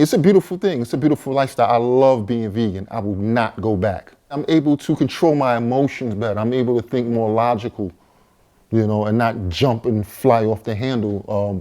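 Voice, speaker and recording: This forties-aged man, a co-author and vegan chef, shares his life story on camera in an easygoing way, repeating words and using fillers. The voice is dark in tone and pitched in the middle range.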